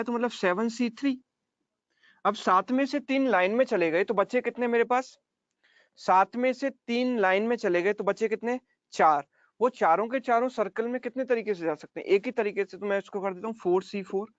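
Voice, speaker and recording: A high-voiced male math teacher explains step by step in an online class, repeating key points and checking in with his students. The sound is dry and a little muffled, with no room echo.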